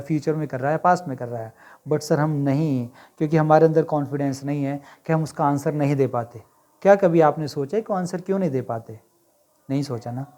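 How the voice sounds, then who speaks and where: A man giving a spoken English lesson, mixing Hindi with slower English phrases and directly asking his students rhetorical questions. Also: a little high, a little mellow. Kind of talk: motivational classroom lecture to camera.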